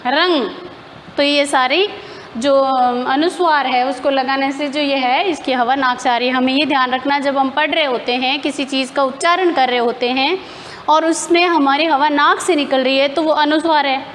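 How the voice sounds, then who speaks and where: High-voiced woman teaching grammar, echoey. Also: fairly even intonation, normal speed, fairly bright tone, slight background noise. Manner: explains step by step, asks and answers her own questions. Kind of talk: classroom lesson.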